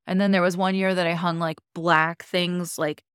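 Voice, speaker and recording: Brief: young woman podcast host, lilt, chatty and upbeat, lowish voice, dry close sound. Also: little pitch movement, normal speed, fairly bright tone, clean tone, no room sound. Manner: chatty and enthusiastic, many likes. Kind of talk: casual chat.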